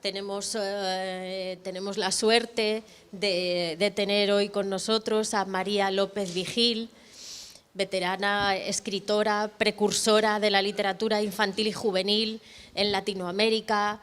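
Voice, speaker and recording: Woman presenter, smooth even voice, hesitant intro, long echo of a big hall. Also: mid-range voice, unhurried. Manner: hesitant, searching for words. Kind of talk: introducing a guest speaker. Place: university auditorium. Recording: long reverb in a large hall.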